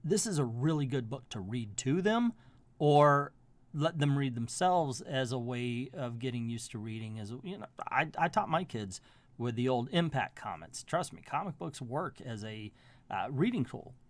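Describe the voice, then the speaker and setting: A man's voice: medium pitch, animated, moderate pace, dry recording. Middle-aged man doing a casual countdown review, dry sound. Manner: folksy and colloquial, with emphatic asides. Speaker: comic book review channel host.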